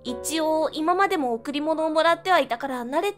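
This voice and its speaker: Polite, nervous young waitress heroine, read by a woman playing a game; high pitched. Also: expressive, a little fast, soft background music. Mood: anxious. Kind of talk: reading game dialogue aloud.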